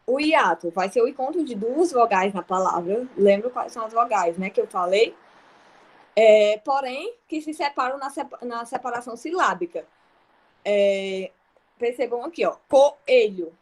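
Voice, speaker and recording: A woman's voice: on the high side, expressive. Patient Brazilian woman teaching a lesson. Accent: Brazilian Portuguese. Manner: patient, explaining slowly with examples and frequent checks. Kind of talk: online grammar lesson.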